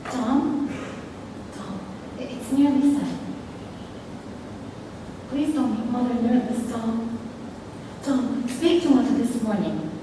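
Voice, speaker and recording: A woman's voice: slow pace, pauses often. Woman acting anxious young sister, echoey distant hall. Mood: pleading. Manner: hushed, urgent shushing and pleading. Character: timid, anxious young sister pleading with her brother. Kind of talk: stage play acting. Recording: echoey hall from far off, rumbling noise.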